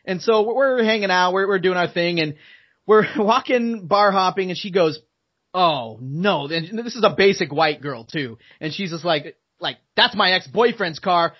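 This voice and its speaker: A man's voice: high voice, normal speed, lo-fi sound. A man telling a rambling story in casual podcast chat, with many restarts.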